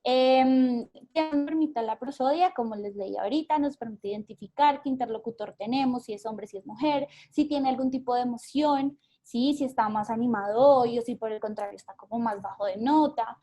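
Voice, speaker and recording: High-voiced Colombian woman teaching online. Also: moderate pace, hardly any pauses, dark tone. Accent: Colombian Spanish. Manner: explanatory, many fillers and repeated words. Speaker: workshop facilitator. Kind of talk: live online workshop. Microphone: video call.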